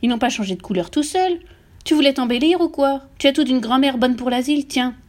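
A woman's voice: a little high, a little fast, voice pushed up, natural voice. A woman reading an audiobook aloud and voicing a vain, bossy mother who shrieks and scolds her husband. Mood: scolding. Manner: shrieking, sharp-tongued.

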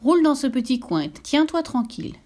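A woman's voice: high voice, very animated, fairly quick, darkish tone, voice pushed up. A woman voicing a fussy, bossy female anemone flower in a storybook, speaking curtly in a raised voice. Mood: grumpy.

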